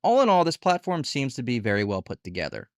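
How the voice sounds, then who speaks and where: A male video host gives a casual, candid review and tutorial of online gig work platforms, full of rhetorical questions. His mid-range pitch swoops wildly at a quick pace, captured at studio quality with no room sound.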